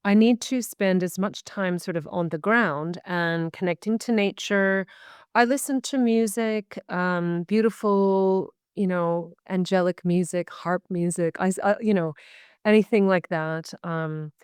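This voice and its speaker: Her lowish voice is smooth and a little slow, recorded dry at studio quality. She is a Canadian woman and medical intuitive appearing as a guest on a video call interview, talking casually yet earnestly and reflectively in long, searching phrases.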